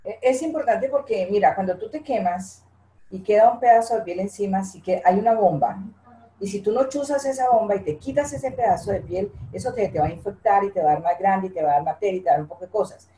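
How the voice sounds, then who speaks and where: A woman's voice: medium pitch, fast, warm tone, reverberant, poor audio. An older woman speaking earnestly and from the heart in an interview, often repeating her phrases. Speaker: guest, interviewee's mother. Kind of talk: emotional interview talk.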